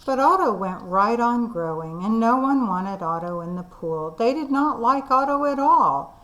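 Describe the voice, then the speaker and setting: A woman teacher reading a children's storybook aloud, expressive and deliberate. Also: a little high, low-quality recording. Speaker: kindergarten teacher.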